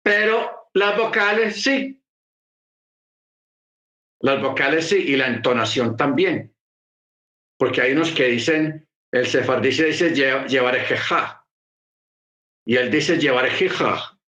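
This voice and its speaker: A man's voice: mid-range voice, expressive, takes it slowly, long pauses, bright, forceful tone. Spanish-speaking man preaching in an echoey room. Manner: explanatory, repeats phrases for emphasis. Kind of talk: sermon teaching.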